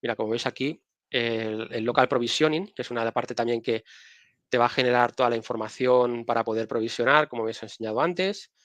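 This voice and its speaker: Casual Spanish-accented man explaining software. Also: medium pitch, a little fast, no echo. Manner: casual, explains while sharing screen, frequent restarts. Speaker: guest speaker. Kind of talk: technical live-stream talk.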